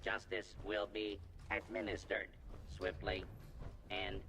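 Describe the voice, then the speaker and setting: A man's voice: lowish voice, slow pace. An actor playing a stern male security robot, issuing clipped, commanding warnings through a robotic voice filter. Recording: game audio with steady background noise.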